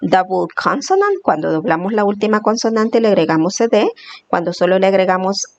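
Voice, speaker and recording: Female teacher, middle-pitched voice, patient and methodical lesson delivery. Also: lively intonation, a little fast, a little mellow, highs cut off. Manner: patient, step-by-step explaining with repeated examples. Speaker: English teacher. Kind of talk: classroom lesson explanation.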